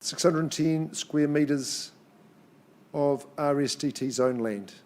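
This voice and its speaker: Male auctioneer, slightly high pitch, live in-room property sale, clipped number calls broken up by chatty asides. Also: slow pace, darkish tone.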